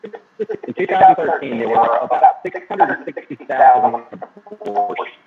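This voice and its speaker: A man's voice: mid-range voice, huge pitch swings, unhurried, recorded from a distance. Man on a choppy, cutting-out call line. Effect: choppy call audio that cuts out mid-word. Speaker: participant in an online debate. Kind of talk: heated debate. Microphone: video call. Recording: tinny call line with loud static.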